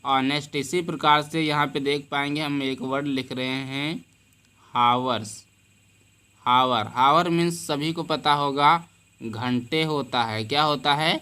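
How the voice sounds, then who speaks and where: A man's voice: on the high side, steady tone, bright, forceful tone, clean tone. A man teaching a lesson on English words, asking the class questions and answering them himself. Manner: repeats key words slowly and deliberately. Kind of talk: classroom lesson explaining word rules.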